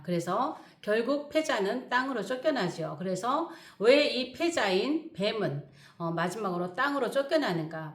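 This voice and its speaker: A middle-aged woman pastor teaching the Bible in an emphatic preaching manner. She repeats key words for stress and pauses often with fillers. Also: mid-range voice, roomy sound.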